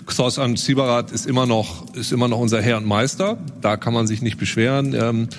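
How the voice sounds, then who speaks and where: A man's voice: mid-range voice, steady tone, lightly acted. Man playing a cruel young nobleman. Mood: hesitant. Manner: halting, hesitant, many restarts. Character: cheerful cruel young nobleman, only child.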